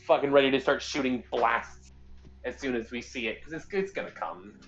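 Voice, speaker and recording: A man playing in a tabletop game, excitable, stammering and swearing. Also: mid-range voice, moderate pace, muffled recording. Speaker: player.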